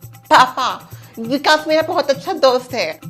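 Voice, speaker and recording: A man's voice: very high voice, lively intonation, unhurried, pushed and bright, soft background music, voice pushed up, heavily acted. Man playing a young daughter, earnest, firm, light put-on voice. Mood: pleading. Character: young adult Indian daughter, earnest and defiant. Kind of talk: comedy sketch acting.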